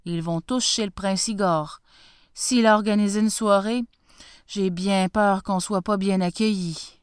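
A woman's voice: medium pitch, fairly even intonation, measured pace, smooth, no room sound, clean studio sound, natural voice. A woman voicing a humble, anxious old clockmaker and father, who speaks in a worried, hesitant way.

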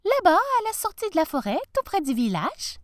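A woman voicing an innocent, cheerful little girl in a storybook reading, speaking high and eager. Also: huge pitch swings, moderate pace, no room sound, studio quality, exaggerated voice.

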